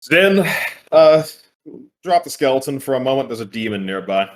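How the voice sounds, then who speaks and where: A man playing a calm, businesslike adventurer. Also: medium pitch, normal speed, natural voice. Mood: firm. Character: commanding adventurer, in character.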